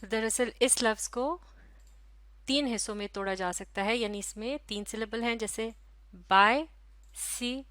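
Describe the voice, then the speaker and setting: Woman, teacher, recorded lesson, patient, repeats words slowly, slightly high voice, dry close sound. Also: fairly even intonation, dry recording. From Pakistan. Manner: slow, patient, spells out syllables and repeats words.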